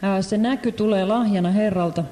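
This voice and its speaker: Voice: medium pitch, warm tone. An interpreter rendering a sermon live, hesitating often with fillers. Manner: hesitant, many fillers and restarts. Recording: echoey hall.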